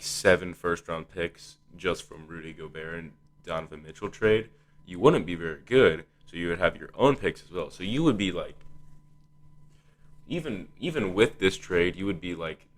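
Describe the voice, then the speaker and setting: A man's voice: low voice, a bit bright. A man hosting a casual sports discussion, thinking aloud in a hesitant, conversational way. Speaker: podcast host.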